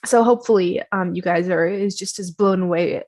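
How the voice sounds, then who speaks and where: A woman casually walking viewers through a software tutorial on her screen, chatty and self-deprecating, with many fillers. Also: lowish voice, normal speed.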